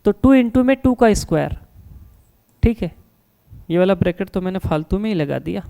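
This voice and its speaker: A man's voice: high voice, animated, normal speed, gravelly, clean tone, narrow, tinny audio. A man teaching a science lesson at a board, posing questions and answering them himself and reassuring his students as he goes. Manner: asks questions and answers them himself, calls listeners "beta" and "sir"; reassuring, repeats "no problem".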